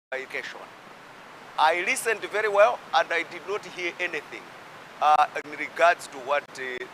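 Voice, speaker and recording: A man's voice: on the high side, sharp tone, slight background noise, rough recording. A man with a Malawian accent raising a formal, assertive objection in parliament as a minister. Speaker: government minister. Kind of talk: formal point of order in parliament. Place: parliament chamber.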